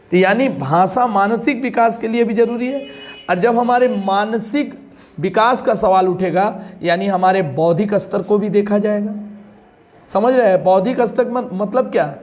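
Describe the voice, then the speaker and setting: A man's voice: sits high, darkish tone. A man teaching an exam-prep class, explaining points with questions and everyday examples.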